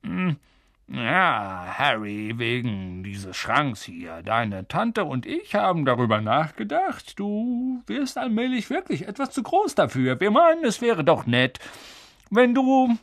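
A man voicing a gruff, bullying middle-aged uncle who snaps and shouts in a story reading. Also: sits high, huge pitch swings, a little slow, few pauses, dry recording, clean studio sound, pitched above the performer's own voice, exaggerated voice. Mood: uneasy, forced. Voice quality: shouting, snapping.

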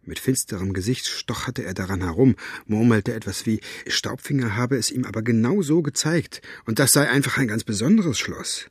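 A man narrating an audiobook with expressive, dramatic reading. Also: medium pitch, normal speed, slightly rough, dry recording.

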